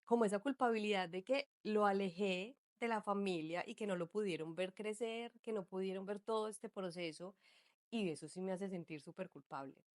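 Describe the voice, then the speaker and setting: A woman's voice: mid-range voice, normal speed, dry recording. Colombian woman telling her story, dry sound. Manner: chatty storytelling, full of fillers like "pues" and "entonces". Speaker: guest, migrant mother. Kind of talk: casual conversational interview.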